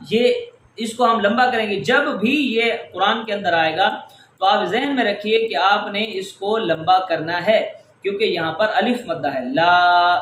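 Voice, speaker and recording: With a high-sitting, fairly bright voice, a male Quran recitation teacher explains tajweed rules patiently and step by step, lengthening example words as he goes. There is slight background noise, and the room echoes with faint ambience.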